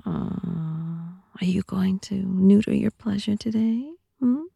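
A woman speaking slowly in a teasing, often whispered voice for an intimate audio roleplay. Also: mid-range voice, gravelly, warm tone, husky, dry recording, clean studio sound. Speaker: audio content narrator.

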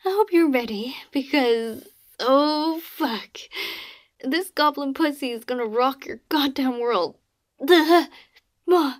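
A woman voicing a small, crude, domineering goblin maid in an adult audio role-play, taunting and giving orders between breathy gasps. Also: high voice, slow. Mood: taunting, bossy.

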